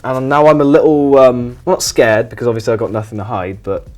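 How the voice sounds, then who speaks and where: A man hosts a painting show in a deadpan, mock documentary style, speaking a little fast in a soft, relaxing low voice. He rambles evasively and defensively.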